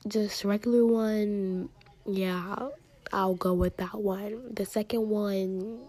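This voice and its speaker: A teenage girl vlogger with a high-pitched voice chats casually, reading questions aloud and answering them herself, often slipping into soft, near-whispered asides. Her intonation is fairly even and her pace slow.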